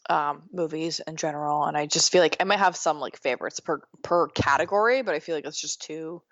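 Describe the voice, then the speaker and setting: A woman chatting casually on a podcast, talkative and quick to laugh, often leaving sentences unfinished. Her voice sits a little low. The recording is dry and slightly muffled. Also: a bit bright, no echo. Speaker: podcast co-host. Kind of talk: casual chat.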